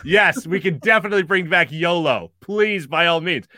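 A man hosting a casual sports talk show, energetic, with quick asides and stammering restarts. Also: sits high. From Philadelphia area. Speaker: podcast host.

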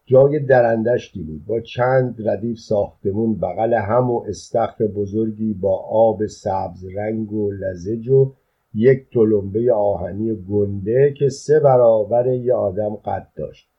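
A male storyteller reads in the first person at a calm, even pace, in colloquial speech. His voice is low and husky. The recording sounds dull and lo-fi. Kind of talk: first-person audiobook reading.

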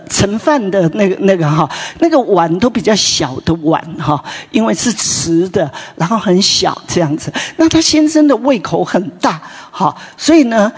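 Brief: preacher at a morning prayer meeting, storytelling sermon, breathy and husky, in a long-reverb room. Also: medium pitch. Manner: chatty retelling, frequent tag particles and restarts.

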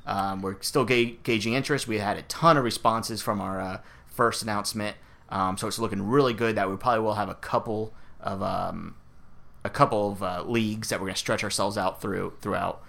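A man co-hosting a fantasy football podcast in casual chat, upbeat and quick to laugh, with many "uh"s and "um"s. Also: on the low side, steady tone, creaky, fairly bright tone. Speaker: podcast co-host.

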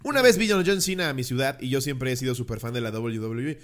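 A man's voice: medium pitch, fast, a bit bright. A man with a Mexican Spanish accent co-hosting a podcast, joking crudely with heavy slang while reading listener stories. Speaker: podcast co-host.

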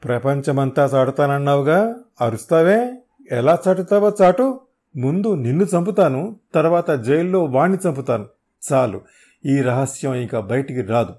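A cold, merciless young man , as a male narrator voices him, spitting out clipped threats in a low, warm-toned voice. He sounds like the hard-edged hero of a storybook thriller. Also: fairly even intonation, normal speed, lightly acted. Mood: menacing. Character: cold, ruthless young man seeking his father.

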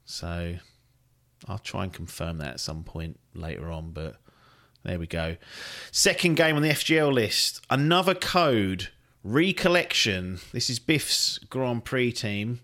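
A man's voice: lowish voice, expressive, measured pace, bright, forceful tone. Chatty man, swearing freely. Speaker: podcast host. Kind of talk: casual chat.

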